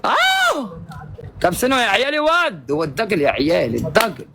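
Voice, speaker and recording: A man with an Egyptian Arabic accent, streaming live and calling out loudly and theatrically to his viewers for gifts. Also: high-pitched, wildly swooping pitch, brisk. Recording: live-stream audio with loud crowd noise.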